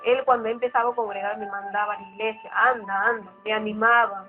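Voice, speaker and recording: A woman's voice: mid-range voice, level tone, fast. A woman speaking earnestly in a personal testimony. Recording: tinny phone-like sound with clear music.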